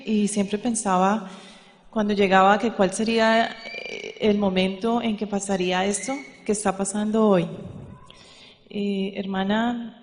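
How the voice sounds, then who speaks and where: A woman from Colombia stands up in the congregation to ask a question. She speaks softly and hesitantly. Her voice is caught with a long reverb, as in a large hall. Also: medium pitch. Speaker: congregation member. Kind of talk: question from the floor.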